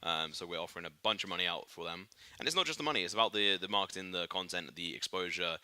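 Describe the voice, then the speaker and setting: Fast-talking low-voiced male podcast host. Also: bright, forceful tone, smooth, no room sound. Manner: chatty, upbeat, often restarts and fills with "uh". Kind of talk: casual esports podcast chat. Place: studio.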